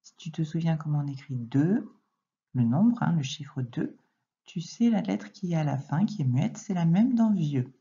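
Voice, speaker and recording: A woman teaching young children to read, speaking slowly and clearly and addressing the child directly as she dictates. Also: deep voice, lively intonation, mellow, dull audio. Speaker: primary school teacher. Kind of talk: recorded reading lesson and dictation for young children.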